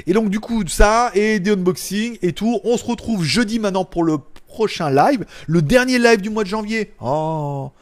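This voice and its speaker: A man chatting casually on a live stream, reading viewers' comments and joking, loud one moment and mumbling the next. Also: high-pitched, normal speed, few pauses. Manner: loud, jokey, trails off into mumbles and chuckles. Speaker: tech YouTuber hosting a live stream. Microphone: small clip-on mic.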